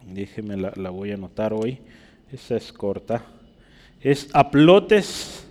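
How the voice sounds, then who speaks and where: A man preaching a teaching sermon, often asking the congregation for agreement and pausing to write on a board. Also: on the low side, fairly even intonation, mellow, big-room sound. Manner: teaching, rhetorical questions, asks listeners for agreement; writes on a board while speaking.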